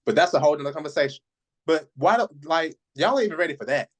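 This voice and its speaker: A man's voice: a little high, animated, fast. A man co-hosting a casual podcast, ranting sarcastically and swearing. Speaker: podcast co-host. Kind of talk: casual chat.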